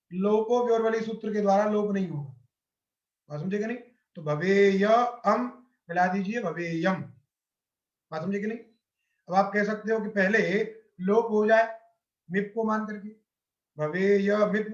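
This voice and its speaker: A man teaching a grammar lesson step by step, asking his class questions and answering them himself. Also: sits high. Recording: roomy, dull lo-fi sound.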